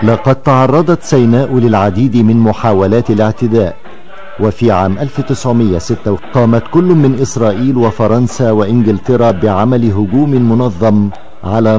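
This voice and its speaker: Mellow Egyptian man, documentary narrator, over music. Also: lowish voice. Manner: formal, measured documentary narrator delivery. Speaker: radio documentary co-presenter.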